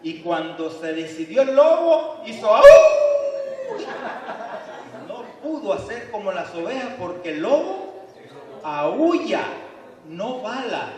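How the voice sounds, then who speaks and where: A man's voice: sits high, sing-song, a little slow, distant mic, a crowd in the background. A man preaching a sermon as pastor, playful and full of rhetorical questions, heard in a church. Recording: echoey church hall from afar.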